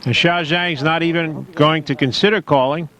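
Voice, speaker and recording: A man's voice: on the high side, steady tone, moderate pace, pushed and bright. A man calling a poker tournament in a wry, joking commentary style.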